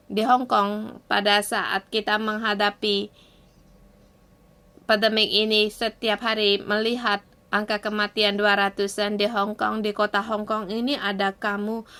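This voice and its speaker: A woman's voice: mid-range voice, a bit bright. A woman giving a morning devotion and leading an earnest, pleading prayer in short phrases. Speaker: devotion speaker.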